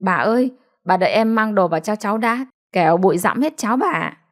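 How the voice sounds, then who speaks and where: A woman's voice: medium pitch, expressive, brisk, close to an everyday voice. A woman voicing a humble, timid old country grandmother who speaks politely and hesitantly. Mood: deferential.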